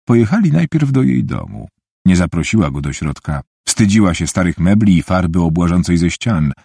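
A man narrating an audiobook in a measured storytelling manner, with a husky voice, recorded on a close mic. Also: low-pitched, lively intonation, mellow, no room sound. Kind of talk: scripted narration.

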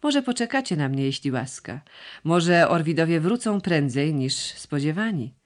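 A man's voice: a little high, very animated, normal speed. A man voicing an earnest, dutiful young man in a storybook reading, serious and restrained. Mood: resolute.

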